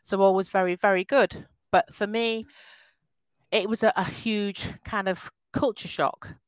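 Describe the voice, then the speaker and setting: Smooth-voiced woman in her fifties. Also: mid-range voice, fairly even intonation, a little slow, dry recording, rough recording. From England. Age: 50s. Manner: laughs often, warm and chatty, restarts sentences. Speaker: podcast guest. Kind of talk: casual interview over a call.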